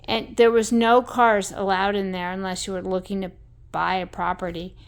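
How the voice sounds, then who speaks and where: Woman, gravelly, smooth resonant tone, blunt rambling storyteller, salty talk. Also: mid-range voice, level tone, normal speed. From American West. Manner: blunt, salty, with frequent fillers.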